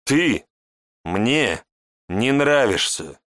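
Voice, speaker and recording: A man's voice: fairly low pitch, slow pace, fairly bright tone, husky, dry recording, studio quality, heavily acted. A man voicing a scornful, surly young woman who speaks with contempt. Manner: contemptuous, sneering.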